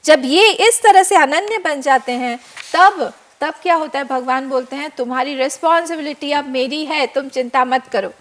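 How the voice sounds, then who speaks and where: A woman spiritual teacher giving a devotional discourse on a TV program, her high voice carrying the story with lively warmth. She tells it as an animated storyteller who slips into the characters. The sound is clean studio audio. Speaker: spiritual teacher, guest expert.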